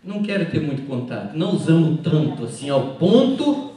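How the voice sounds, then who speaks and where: Guy preaching, pretty high voice, lots of hall echo, sounds kinda far from the mic. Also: big pitch swings, fairly quick, dark tone. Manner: emphatic preaching, addresses the congregation directly with questions. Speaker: pastor. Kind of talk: sermon. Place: large hall at a pastors' conference.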